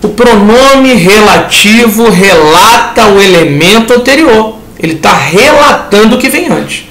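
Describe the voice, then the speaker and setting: Lively Brazilian teacher in an echoey room. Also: male voice, high voice, measured pace. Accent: Brazilian Portuguese. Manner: lively, talks the class through each step, plays out students' questions. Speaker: Portuguese teacher. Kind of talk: exam answer review lesson.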